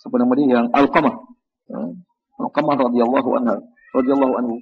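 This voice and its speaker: A man with a Malaysian Malay accent giving an evening mosque lecture, lively and full of rhetorical questions. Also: medium pitch, quick pace, husky, highs cut off. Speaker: religious teacher.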